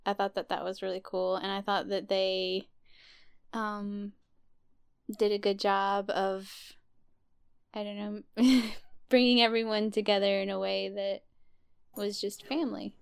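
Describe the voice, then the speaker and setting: A woman's voice: medium pitch, flat delivery, unhurried, creaky, pauses often, clear, resonant tone. A woman co-hosting a podcast, chatting casually in a rambling way. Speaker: podcast co-host. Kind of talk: casual chat.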